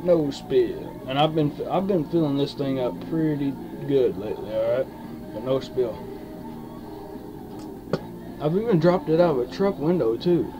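A young adult dip reviewer speaks expressively in a mid-range voice, chatting and rambling to camera with dip in his lip, his delivery folksy, stretched and hesitant. Recorded at low quality on a webcam mic an arm's length away, he sits in a small wood-panelled room with country music playing.

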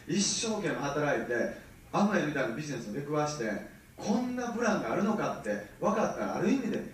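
Kansai man in his 30s, fast and lively seminar speaker, recorded far off in a very echoey hall. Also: a little high, a little hiss or hum. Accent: Kansai Japanese. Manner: animated, keeps checking the audience with rhetorical questions. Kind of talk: motivational seminar talk.

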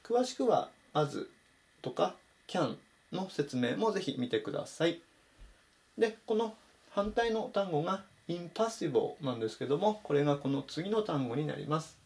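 A man teaching English vocabulary in Japanese, saying each word slowly and clearly in a voice-over lesson. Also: fairly high pitch, very animated, darkish tone. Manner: slow, careful spelled-out pronunciation of English words.

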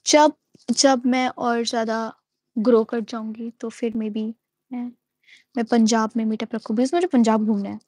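A young woman chats playfully on a live stream from a small room at home, reading out comments, giggling often, and switching into English. Her slightly high voice is unhurried, a little mellow, and breathy at the edges, with a flat delivery. A wired earphone mic on a phone gives a dry recording.

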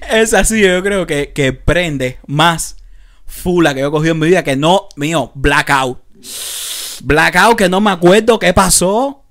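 A young adult man from Havana, Cuba, co-hosts a casual podcast, telling animated anecdotes full of street slang and frequent laughter. His voice is on the high side and a little slow, and the talk mixes casual chat with storytelling.

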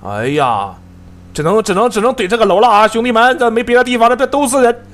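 Excitable man, lively pitch. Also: fast. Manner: excitable, swears often, laughs, talks to teammates. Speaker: game streamer. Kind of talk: live gameplay commentary.

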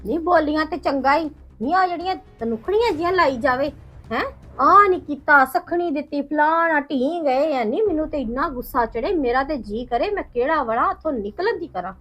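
A woman's voice: high-pitched, lively intonation, a little fast, fairly bright tone. A woman playing an indignant village wife. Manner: indignant, rambling complaint with quoted asides. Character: aggrieved village woman, complaining about in-laws. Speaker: actor in a short film. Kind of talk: village family drama. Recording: dull lo-fi sound with faint music.

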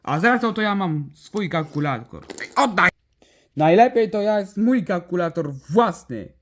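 A man improvising a toy play story, exclaiming often and switching quickly between character voices. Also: high voice, lively intonation.

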